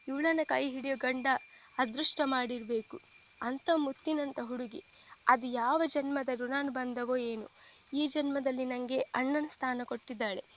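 A woman voicing a caring young man who plays a protective elder brother, speaking gently and reassuringly, in a storybook reading. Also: high-pitched, muffled recording, slight background noise. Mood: musing.

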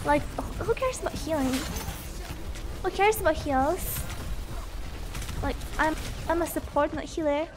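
A woman's voice: high-pitched, a little slow, pauses often. A woman streaming a game and chatting with viewers while sick with a cough. She giggles often, greets viewers and yelps during fights. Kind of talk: casual gaming stream chat.

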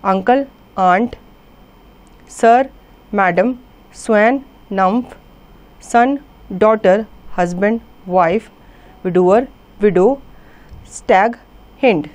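A woman's voice: mid-range voice, very slow, long pauses, darkish tone. A woman teacher with an Indian accent giving a grammar lesson to school children, reading word lists aloud and explaining in Hindi mixed with English.

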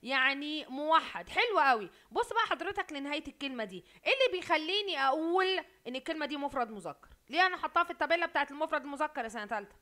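Fast-talking Egyptian woman lecturing. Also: high-pitched, lively intonation, sharp tone. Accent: Egyptian Arabic. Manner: quizzing students, repeating words. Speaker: university Italian lecturer. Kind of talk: online lecture. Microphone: video call.

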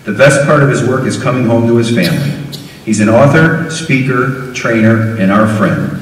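A middle-aged man giving a formal prepared speech at a podium, measured as he reads, introducing the keynote speaker. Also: medium pitch, expressive, slight background noise. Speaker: school district official introducing the speaker. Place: large auditorium stage. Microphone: podium microphone heard from afar. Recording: echoey hall recorded from far off.

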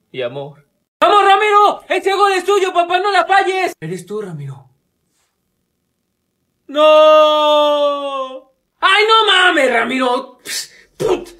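A man with a Mexican Spanish accent performing excitable, slangy comic skits full of swearing. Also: very high-pitched. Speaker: comedy sketch performer.

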